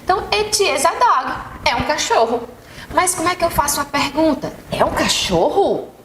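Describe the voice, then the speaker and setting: A woman's voice: high voice, animated, fairly bright tone, echoey room, slight background noise. A Brazilian woman teaching an English lesson on TV, patient and repetitive, checking that students follow. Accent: Brazilian Portuguese. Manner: patient, repeats examples slowly, checks in with "tá bom?". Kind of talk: TV classroom lesson. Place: TV studio set.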